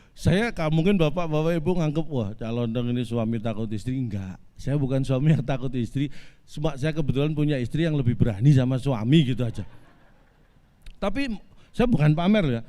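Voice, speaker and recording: A man in his forties telling a deadpan comic monologue, addressing the audience politely and spinning absurd twists with a straight face. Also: fairly high pitch. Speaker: stand-up comedian. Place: virtual family gathering.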